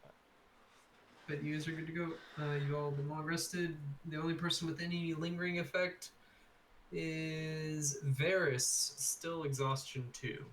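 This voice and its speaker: A man as game master chatting casually between tabletop game sessions, relaxed and offhand. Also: fairly high pitch, unhurried. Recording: echoey, distant mic, faint background hiss.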